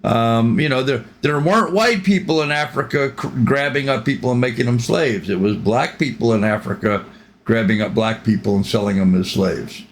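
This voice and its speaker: A man's voice: mid-range voice, moderate pace, a little hiss or hum. An older man hosting a reaction channel, giving rambling, opinionated commentary with frequent ums.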